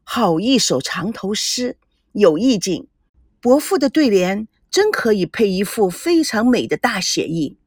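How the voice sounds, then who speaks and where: A woman voicing a calm, cultured young woman artist who speaks appreciatively. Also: medium pitch, a little slow, breathy edge, dry recording, clean studio sound, exaggerated voice. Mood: admiring.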